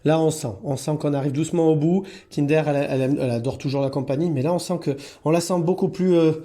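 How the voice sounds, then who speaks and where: A man's voice: on the high side, steady tone, fast, dark tone. A man who runs a cat hotel, chatting in a casual vlog and talking affectionately to the cats. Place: indoor cat boarding room.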